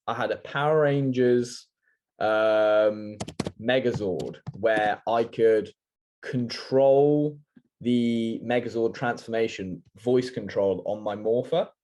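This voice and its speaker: A young Englishman co-hosting a podcast, telling stories in a lively way, swearing and laughing often, talking over a video call. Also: medium pitch, slow pace. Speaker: podcast co-host. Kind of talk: casual chat.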